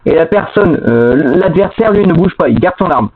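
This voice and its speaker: A man's voice: high-pitched, animated, moderate pace. A man in casual gaming chat, explaining rules in a rambling, self-correcting way, his voice half robotic and lagging through a bad microphone. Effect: half-robotic, glitchy lagging voice from a bad mic. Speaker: co-player explaining game rules. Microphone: cheap headset or desk mic. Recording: tinny, lo-fi cheap microphone.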